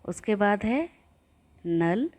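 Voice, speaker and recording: A woman teaching young children, chanting rhymes and sounding out syllables in a slow sing-song way so they can repeat after her. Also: mid-range voice, animated, darkish tone. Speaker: primary school teacher.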